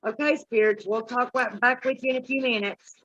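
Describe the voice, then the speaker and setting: A woman's voice: fairly high pitch, steady tone, brisk, fairly bright tone. A middle-aged woman with a folksy, informal way of talking, chatting and telling stories casually as host of a paranormal live stream. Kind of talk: casual chat and storytelling to live viewers. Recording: dull, lo-fi live stream audio.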